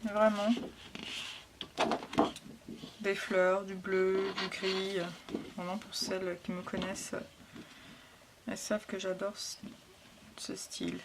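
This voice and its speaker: A woman hosting a casual scrapbooking haul, talking softly and hesitantly with frequent fillers. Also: mid-range voice, flat delivery, slow pace, long pauses, background noise. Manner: soft, hesitant, lots of fillers. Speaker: scrapbooking vlogger. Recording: packaging crinkles and clicks behind.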